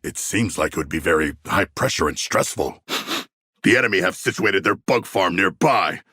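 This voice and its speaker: Big husky shark-man warrior for a game, talks stiff and formal, earnest and boastful, savagely cheerful, super dry recording. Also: low-pitched, normal speed, pushed and bright, dry recording, heavily acted. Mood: solemn, proud. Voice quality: gravelly, husky. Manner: formal, stilted, grandiose declarations without contractions. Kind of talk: video game character voice lines.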